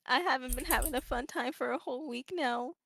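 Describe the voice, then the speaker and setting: A woman's voice: sits high, a little fast, creaky, fairly bright tone, no echo. A young woman chatting on a podcast call, her voice tired and a bit exasperated. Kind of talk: casual podcast chat.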